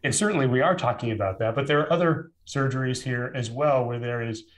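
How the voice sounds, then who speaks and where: Male presenter, mid-pitched, measured and explanatory, webinar setting. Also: poor audio.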